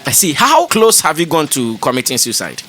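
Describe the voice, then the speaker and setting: A man's voice: on the high side, wildly swooping pitch, moderate pace, loud music behind the voice. Ghanaian man hosting an entertainment news show. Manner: conversational, emphatic, addresses viewers directly. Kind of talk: news roundup with commentary.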